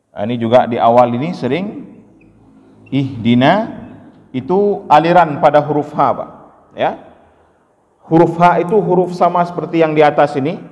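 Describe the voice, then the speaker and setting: A man's voice: fairly high pitch, a little mellow. Patient male recitation teacher in a reverberant hall. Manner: patient, explains, then chants each word slowly as a model. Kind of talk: step-by-step recitation lesson.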